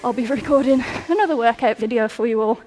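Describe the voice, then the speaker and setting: A young woman leads a workout in an upbeat coaching voice, counting down each set and talking through the reps. Her voice sits a little high and gets breathless at times. Faint music plays underneath her. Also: quick pace, darkish tone. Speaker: fitness instructor. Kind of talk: workout instruction over music.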